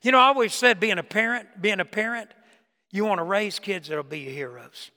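Man, preacher, sermon, emphatic storytelling, loud-to-hushed swings, long church reverb. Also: high-pitched, brisk. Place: church sanctuary.

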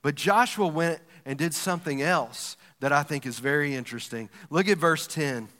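Bright-voiced, joking male pastor preaching. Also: a little high, moderate pace. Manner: lively, joking, talks directly to the congregation. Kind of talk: sermon. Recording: long reverb of a large hall.

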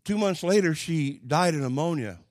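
A man's voice: on the high side, expressive, darkish tone, no echo. Older Oklahoma man preaching, dry close sound. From Oklahoma, United States. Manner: folksy, plainspoken, halting with pauses and repetitions. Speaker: Pentecostal preacher. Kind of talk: sermon with personal storytelling.

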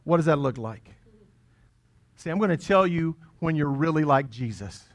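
Man pastor preaching; easygoing, teasing, punches key lines then drops low. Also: animated, normal speed. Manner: conversational and playful, swinging between loud emphasis and quiet asides. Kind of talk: sermon. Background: congregation chuckling.

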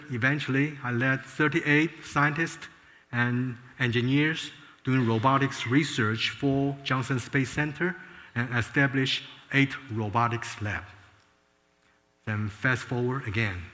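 An older man from Taiwan tells his life story with earnest warmth. His voice is bright and forward, with frequent restarts. Behind him, a long hall reverb hangs after each phrase. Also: mid-range voice, fairly even intonation, a little slow. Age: 60s. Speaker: former space scientist giving a testimony. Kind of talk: personal testimony talk.

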